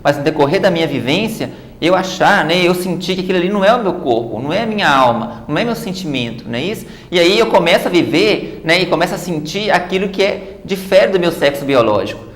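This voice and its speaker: A woman's voice: on the low side, expressive, quick pace, few pauses, reverberant. A woman guest in a TV studio interview, explaining at length and often adding "né" tags. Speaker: guest author and activist.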